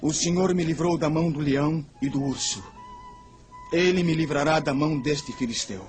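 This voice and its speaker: An actor playing a brave, devout young shepherd in a radio play, earnest and declamatory. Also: male voice, on the high side, moderate pace, faint music behind, close to an everyday voice. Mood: humble, confident. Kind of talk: dramatized radio play acting.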